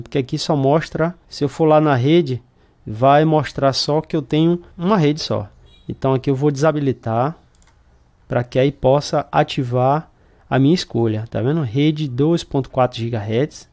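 A man's voice: mid-range voice, darkish tone. Casual Brazilian man explaining router setup. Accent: Brazilian Portuguese. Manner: casual, explanatory, talks through screen steps. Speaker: computer shop owner. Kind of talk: hands-on tech tutorial.

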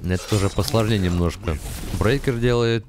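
A man's voice: lowish voice, normal speed. A young man giving casual live gameplay commentary in short muttered reactions, on a close mic. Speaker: gamer commentator. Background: fighting game music and effects.

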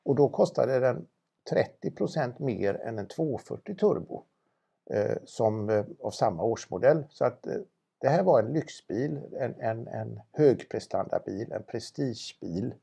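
A man's voice: mid-range voice, lively intonation, vocal fry, warm tone, slightly rough. A man presenting a car for auction in a casual, knowledgeable chat, with frequent restarts. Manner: knowledgeable, chatty, many restarts.

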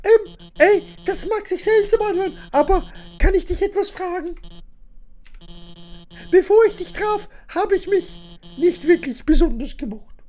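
A woman voicing a nervous, nerdy female lizard scientist who talks high and stammers. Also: expressive, measured pace, mellow, slight background noise. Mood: shy, heartfelt.

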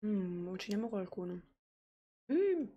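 A young woman, commenting excitedly on a game she plays live, swearing and talking to her chat. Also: medium pitch, measured pace, breathy edge, muffled recording. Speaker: streamer.

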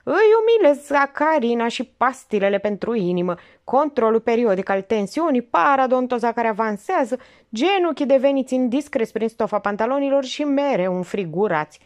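A woman's voice: fairly high pitch, sing-song, voice pushed up. A woman reading an audiobook, voicing a worldly, scornful elderly aunt who lectures with cutting irony. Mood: sardonic.

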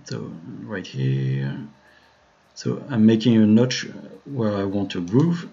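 A man with a French accent talks slowly, in a lowish voice, as he walks viewers through a modeling tutorial on a live stream. He hesitates often, filling gaps with "uh" and restarting his sentences. The audio is dull and lo-fi. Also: very animated, gravelly, dark tone. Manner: hesitant, many fillers and restarts, friendly to chat.

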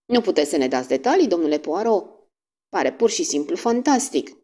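A poised, commanding woman of the house, as a woman narrator voices her, with a crisp and authoritative delivery. The voice is low, mellow and lively in pitch. It is read like a classic audiobook. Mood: cool.

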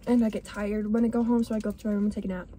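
A woman's voice: medium pitch, little pitch movement, rapid-fire, dark tone, slight background noise. A teenage girl chatting casually in a car, rambling with lots of fillers. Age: teens. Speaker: co-host. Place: inside a car.

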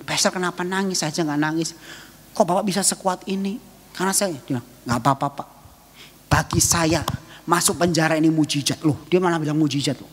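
A man preaching a sermon as pastor, telling emotional stories that rise to loud peaks and fall to soft asides. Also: high voice, husky. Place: church hall. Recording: long reverb of a church hall.

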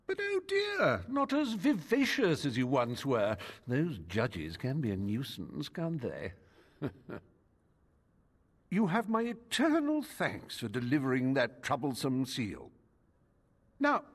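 A man's voice: mid-range voice, huge pitch swings, slow pace, big-room sound, full character voice. An actor playing a vain, treacherous male rogue in a video game, speaking in a pompous, theatrical drawl. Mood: smug.

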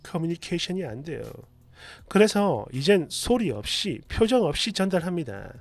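A man dramatically reading an online post aloud as a storyteller, expressive and sarcastic with muttered asides. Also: a little high, moderate pace, faint music behind.

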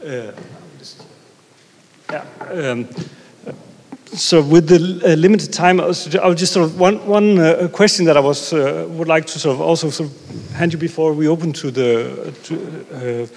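A man's voice: a little high, moderate pace, gravelly, darkish tone. A man in his thirties moderates a panel with a slightly raised voice. He searches for words aloud and circles back on himself with many fillers. The handheld mic picks up the long echo of a bare seminar room. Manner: hesitant, many fillers and restarts. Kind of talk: panel discussion. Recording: reverberant room.

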